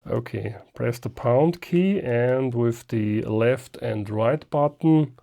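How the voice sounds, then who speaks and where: An Austrian man who speaks German reviews ham radio gear in a casual, unscripted hands-on demo, thinking aloud as he goes step by step. His medium-pitched voice is mellow and slow, with some vocal fry.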